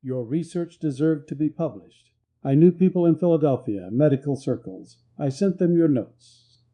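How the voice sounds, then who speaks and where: A man voicing a polished, educated Southern gentleman who speaks in a pleading, apologetic way. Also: a little high, expressive, moderate pace.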